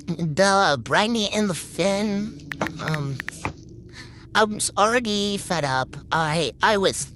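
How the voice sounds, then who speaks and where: Exasperated woman rambling over gameplay. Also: mid-range voice. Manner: exasperated, rambling, frequent restarts. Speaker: gaming video creator. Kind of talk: casual gameplay commentary. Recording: steady background noise.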